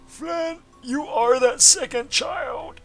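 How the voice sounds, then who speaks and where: A very high, quavering old professor with dentures. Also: male voice, takes it slowly, fairly bright tone, faint music behind, full character voice. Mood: storytelling. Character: rambling elderly male professor with dentures. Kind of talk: game character voicing.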